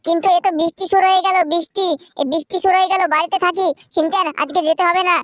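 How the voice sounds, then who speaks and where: A gaming channel host narrating a role-play game video in a bossy, repetitive, excitable way. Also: very high-pitched, rapid-fire, no room sound.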